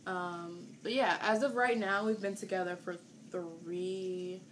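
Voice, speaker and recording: A woman in her twenties chats casually with her partner for her vlog, rambling and using lots of fillers. Her voice is on the low side with a steady tone, she takes her time, and the home video is noisy.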